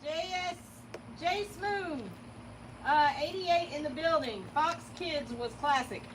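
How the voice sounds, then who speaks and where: A woman's voice: sits high, takes it slowly, low-quality recording. A woman co-hosting a casual livestream, reading out viewer names and messages and teasing her partner. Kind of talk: casual chat.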